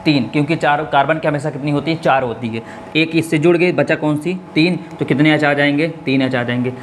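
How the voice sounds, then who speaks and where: Male chemistry tutor, slightly high voice, asks and answers his own questions, faint noise behind. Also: fairly quick. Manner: asks students questions and answers them himself; counts out steps one by one. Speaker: chemistry teacher. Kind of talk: classroom lesson at a board.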